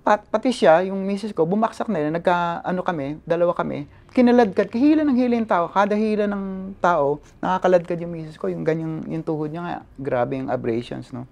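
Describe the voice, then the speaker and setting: A male photojournalist giving an animated personal account in an interview, switching between languages and often adding "no?" tags. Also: high-pitched, fairly quick, gravelly. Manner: animated retelling, code-switching, frequent "no?" tags.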